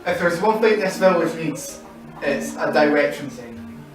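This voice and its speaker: A man's voice: fairly high pitch, expressive, measured pace. Wry man gaming, very echoey room. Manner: wry, sarcastic, laughs often. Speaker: gamer playing co-op commentary. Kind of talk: casual gaming chat. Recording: very echoey room, distant mic. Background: faint game music.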